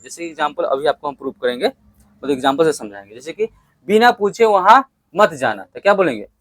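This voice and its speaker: A man's voice: sits high, dry recording. A young male English teacher giving a vocabulary lesson, spelling each word out letter by letter and having the class repeat it back. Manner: call-and-response drilling, spells words letter by letter.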